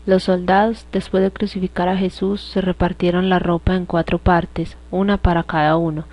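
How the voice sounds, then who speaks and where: A woman reading a Gospel passage aloud in a calm, measured way. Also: fairly low pitch. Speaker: scripture reader. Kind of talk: scripture reading. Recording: dull lo-fi dry recording.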